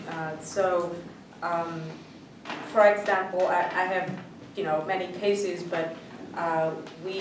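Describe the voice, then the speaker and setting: A woman's voice: fairly low pitch, noisy background. A young woman from Vietnam giving a conference talk, hesitant, with many fillers. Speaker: conference speaker. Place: conference hall. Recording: echoey hall, speaker far from mic.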